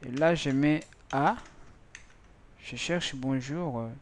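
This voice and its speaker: Slow, halting man teaching code. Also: mid-range voice, slight background noise. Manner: halting, repeats words, thinks aloud while typing. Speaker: programming teacher. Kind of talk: screen-recorded coding tutorial.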